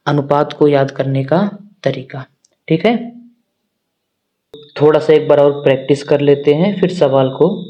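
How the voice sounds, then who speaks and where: Mellow-voiced male maths teacher, quizzing students. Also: a little high. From northern India. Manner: talks directly to students, asking questions and answering them himself. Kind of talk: classroom-style maths lesson.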